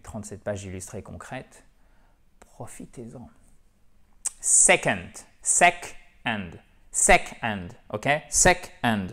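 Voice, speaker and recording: A man whose first language is French leads a playful pronunciation lesson. He repeats English words slowly to drill where the stress falls. His voice sits at an ordinary middle pitch. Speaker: English teacher.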